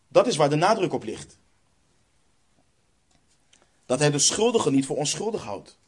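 A man's voice: fairly high pitch, darkish tone, husky. A man with a Dutch accent preaching a sermon, emphatic and stressing points by repeating phrases.

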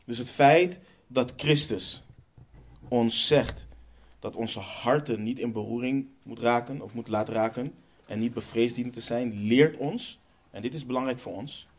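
A man preaching a sermon, earnest and measured, slowing down on key phrases and then reading scripture aloud. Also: mid-range voice, breathy edge.

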